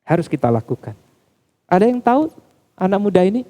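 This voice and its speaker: A man preaches a sermon to a church congregation. His voice sits somewhat high with a warm, mellow tone. He addresses the listeners directly again and again, his pitch climbing and dropping. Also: big pitch swings, fairly quick. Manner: addresses congregation as Bapak Ibu Saudara, pitch rising and falling widely. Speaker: pastor.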